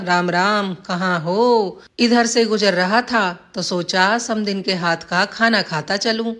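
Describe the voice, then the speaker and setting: A woman's voice: medium pitch, fairly bright tone. A woman narrating a village folk tale in a plain storybook reading, lightly voicing the villagers' lines.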